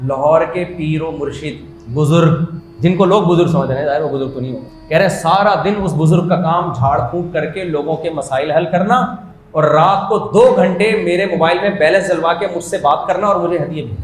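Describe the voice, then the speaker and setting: A man giving a humorous sermon, conversational and jokey, building to animated emphasis. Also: fairly high pitch. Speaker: Islamic preacher. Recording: roomy echo.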